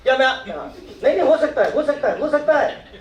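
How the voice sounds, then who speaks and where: A high-voiced, middle-aged man gives a motivational talk at a professional meet, very animated and brisk, asking the audience questions and acting out their replies. He's in a meeting hall with an audience, and the far-off mic picks up an echoey hall.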